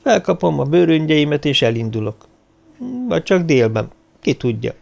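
A man's voice: on the high side, animated, creaky, a little mellow, dull audio, pitched above the performer's own voice. A man voicing a tired, indifferent woman in an audiobook, speaking in a raised, weary tone. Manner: weary, detached.

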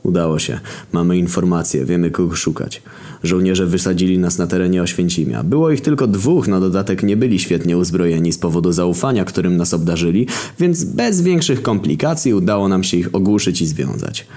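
A man's voice: sits low, lively intonation, brisk, warm tone. A man narrating a crude, mocking comic story, jumping into voices for the characters.

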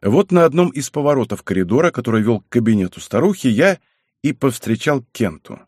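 A man reading a first-person audiobook narration in a lively, expressive way. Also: medium pitch, a little fast, slightly rough, dry recording, clean studio sound.

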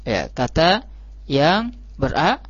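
A man teaching an Arabic lesson, repeating words slowly and drawing them out for his students. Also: a little high, big pitch swings, fairly bright tone, no room sound. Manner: slow, drawn-out repetition of words. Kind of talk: classroom lesson. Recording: dull lo-fi live stream audio.

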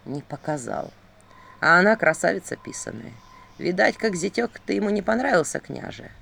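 A woman voicing a grieving, heavy-hearted male prince in a fairy-tale audiobook, speaking slowly and low. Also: lively intonation, creaky, a bit bright, full character voice. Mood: brooding. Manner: slow, low, heavy storytelling voice.

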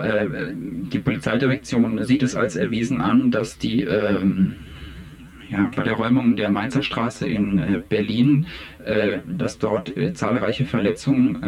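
A disguised deep voice, low and gravelly, as a man puts on an anonymous police union insider. He talks in a halting way, full of hesitant fillers, in a satirical radio interview. A crowd murmurs in the background.

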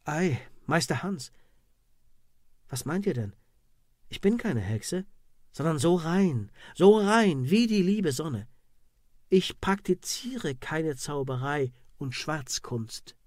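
A man's voice: fairly high pitch, lively intonation, takes it slowly, no room sound, studio quality. A man voicing a woman accused of witchcraft under torture, crying out and pleading in a wailing voice. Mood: protesting innocence.

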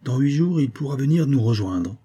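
A man reading an audiobook, voicing a smooth-talking older viscount with falsely affectionate manners. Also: mid-range voice, expressive, moderate pace, mellow, voice pushed up. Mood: honeyed.

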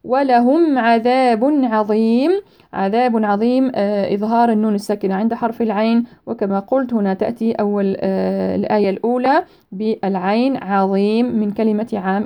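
A woman teaching a tajweed lesson, reciting verses slowly and carefully, then explaining the rules with many hesitations and self-corrections. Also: on the high side, highs cut off.

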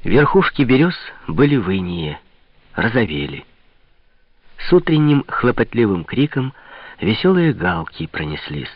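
A man narrating a novel as an audiobook, reading slowly and expressively, dropping to quiet whispers at times. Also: lowish voice, sing-song, no room sound, highs cut off.

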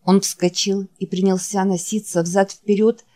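A woman reading an audiobook in a measured, dramatic narration. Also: medium pitch, level tone, warm tone. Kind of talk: scripted narration.

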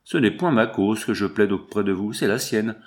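A man's voice: fairly low pitch, moderate pace, close to an everyday voice. A man reading the part of a young widowed woman, anxious and pleading, in an audiobook.

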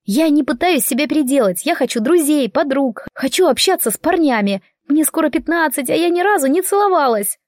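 A woman's voice: sits high, expressive, a little fast, few pauses, a little mellow, dry recording, clean studio sound, voice pushed up. A woman voicing an upset teenage girl of almost fifteen, pleading and indignant.

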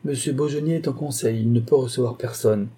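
A disdainful office clerk who brushes visitors off with curt, dismissive replies, as a male audiobook reader voices him. Dark and a little husky, never warm. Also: medium pitch, fairly quick, voice pushed up, lightly acted.

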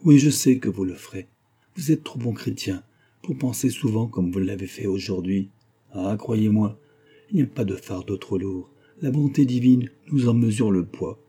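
A man voicing a gentle, compassionate young woman, speaking calmly and soothingly in an audiobook. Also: fairly low pitch, slightly rough. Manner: calm and soothing. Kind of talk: audiobook reading.

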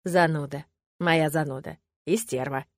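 A woman's voice: deep voice, unhurried, no echo. A woman voicing a confident, teasing male demon in a romance audiobook. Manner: teasing, sly.

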